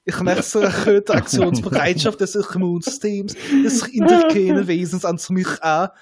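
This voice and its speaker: A man's voice: sits high, animated, unhurried, a little mellow. A man voicing a small, whiny male alien who complains and reports measurements. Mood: clinical.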